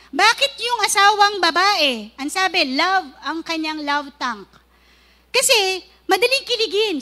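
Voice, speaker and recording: A woman's voice: extremely high pitch, pushed and bright. A woman preaching a sermon on marriage, mixing English and Tagalog, with joking asides and acted-out quarrels.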